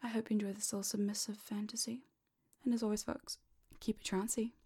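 Breathy whispering woman with vocal fry. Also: mid-range voice, flat delivery. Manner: soft, slow, commanding whisper. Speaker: hypnosis audio creator. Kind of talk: whispered hypnosis roleplay.

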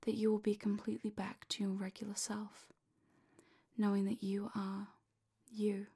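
Breathy whispering woman with vocal fry. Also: medium pitch, monotone. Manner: soft, slow, commanding whisper. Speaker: hypnosis audio creator. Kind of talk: whispered hypnosis roleplay.

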